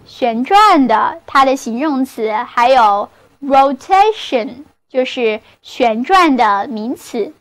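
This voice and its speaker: A woman teaching English vocabulary in a scripted lesson, speaking carefully, spelling words letter by letter and repeating example sentences, with a Mandarin Chinese accent. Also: high-pitched.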